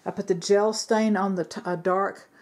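A woman's voice: medium pitch, fairly even intonation, normal speed, darkish tone. A woman narrating a home furniture refinishing project in a casual, rambling way, with fillers and self-corrections, recorded on a camera mic in her sewing room. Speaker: DIY furniture vlogger. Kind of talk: casual how-to narration while working.

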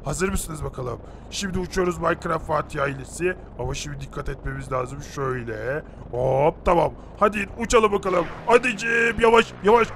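A man's voice: mid-range voice, vocal fry, a little hiss or hum, lightly acted. A man voicing Herobrine, a boastful muscular boy racer in a Minecraft animation, who taunts the others.

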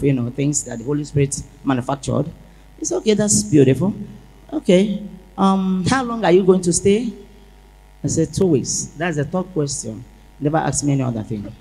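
A woman giving an animated church testimony, acting out the dialogue as she tells it. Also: sits low, husky. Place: large church hall. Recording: echoey church hall.

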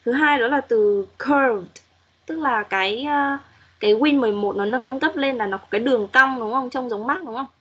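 A woman's voice: on the high side, normal speed, a bit bright, husky, dull audio. A woman English teacher giving patient, corrective feedback to students in an online class, modeling pronunciation as she goes.

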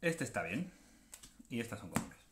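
A man's voice: lowish voice, big pitch swings, moderate pace, fairly bright tone. A man with a Spanish accent from Spain, hosting a card unboxing and chatting in a playful, joking way. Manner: chatty and playful, often joking and self-mocking. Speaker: card unboxing channel host. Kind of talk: casual unboxing commentary, switching between Spanish and English.

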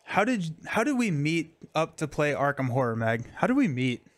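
Brief: casual male host of a card game session, a bit high-voiced, easygoing. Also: very animated, normal speed. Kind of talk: casual tabletop game chat and reading rules.

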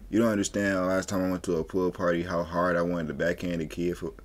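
A man's voice: sits low, level tone, quick pace, slight background noise. A man in his twenties giving loose, rambling reaction commentary full of slang. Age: 20s. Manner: laid-back, rambling slang-heavy talk. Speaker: reaction streamer.

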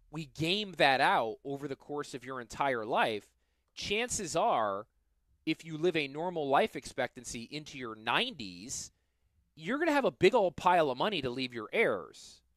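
A middle-aged man with a Southern US accent, a financial planner hosting a radio show, explaining things in a lively, self-deprecating way. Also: fairly high pitch, no room sound. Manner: animated, self-deprecating, quick asides. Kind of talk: casual radio chat and explanation.

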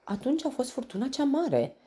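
A woman's voice: high-pitched, sing-song, mellow, slightly rough, pitched above the performer's own voice, exaggerated voice. A woman voicing a clever young male meerkat detective in a children's storybook, curious and questioning. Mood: eager.

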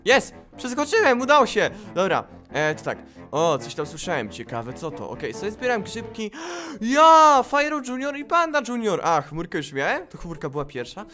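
Gaming host, male, high lively voice, excitable let's-play commentary with faint music behind. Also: moderate pace, few pauses. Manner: excitable, exclaiming and laughing at the game. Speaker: gaming YouTuber. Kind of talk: live gameplay commentary.

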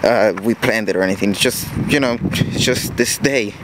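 A man's voice: on the low side, normal speed, background noise. A teenage boy vlogging casually on a handheld camera, rambling with restarts as he walks home in the rain and then talks at home. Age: teens. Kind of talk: casual daily vlog.

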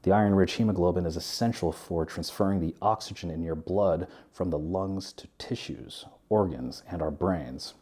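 A man in his thirties, a welder, giving a measured, earnest scripted narration of an essay in his living room. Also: deep voice, a little mellow, breathy edge.

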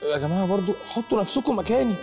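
A man's voice: sits high, animated, rapid-fire, a little mellow, faint music behind. An actor playing a dim-witted, childish young man who whines and pleads, with an Egyptian accent. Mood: whiny bumbling. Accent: Egyptian Arabic. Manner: whiny, pleading.

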